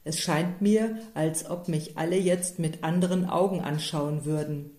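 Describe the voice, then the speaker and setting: A big, gruff village mayor from a storybook, as a woman puts him on, gloomy and blustering and given to pride. He speaks slowly in a dark, low voice. A roomy echo hangs around the words. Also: fairly even intonation.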